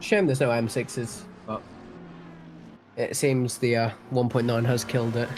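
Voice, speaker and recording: A man's voice: medium pitch, level tone, measured pace, darkish tone, slight background noise. A young Welshman with a Welsh accent giving chatty, self-deprecating live-stream commentary on a sim race, often restarting his sentences. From Wales.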